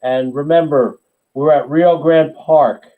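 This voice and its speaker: A man hosts a casual live show for a running club, speaking in a slightly raised voice. He rambles warmly encouraging, full of fillers and restarts. The sound is dull and lo-fi, like a livestream. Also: on the high side, steady tone, slow. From USA.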